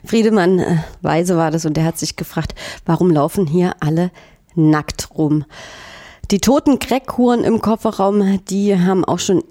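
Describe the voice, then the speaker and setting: A woman's voice: on the low side, normal speed, warm tone, no echo, studio quality. A woman hosting a radio magazine, talking casually with frequent hesitation fillers. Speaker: radio host. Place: radio studio. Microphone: studio microphone.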